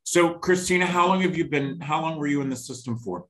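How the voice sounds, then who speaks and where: A middle-aged man with a bright, forceful voice hosts an interview over a video call. He speaks with passion and emphasis, hammering points home by repeating them. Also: a little high, fairly quick, poor audio. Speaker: podcast host. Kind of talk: casual interview.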